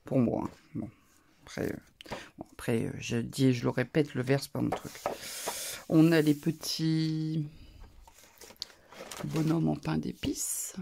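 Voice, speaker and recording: A woman's voice: low-pitched, fairly even intonation, unhurried, vocal fry, pauses often, warm tone, a little hiss or hum. A woman with a northern French accent, chatting casually and rambling with frequent asides as she shows off her crafting purchases in a haul video. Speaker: crafting YouTuber.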